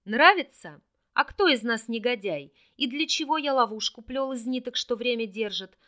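A sly old schemer boasting of his long cruel plans, read by a woman in a bright, higher voice. His tone stays mocking and pleased with himself, with an audiobook feel. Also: animated, normal speed. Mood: gloating. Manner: gloating, mocking confession. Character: scheming old male trickster villain. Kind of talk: audiobook character voice.

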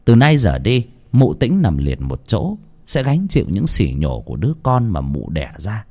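A man narrating a folk tale in an expressive way. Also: lowish voice, normal speed. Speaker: storyteller. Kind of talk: dramatic story narration.

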